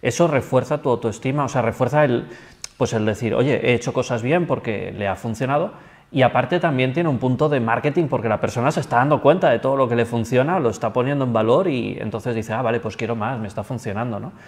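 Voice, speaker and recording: A man, a coach and trainer chatting on a panel talk show, explaining with quick asides. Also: medium pitch.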